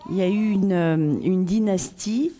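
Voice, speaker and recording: A woman doing live consecutive interpreting, halting as she searches for words. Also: mid-range voice, dark tone, faint music behind.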